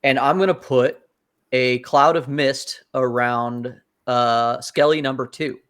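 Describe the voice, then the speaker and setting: A man's voice: mid-range voice, fairly even intonation, slow pace, fairly bright tone, clean tone. A man talking casually as a player in a tabletop role-playing game.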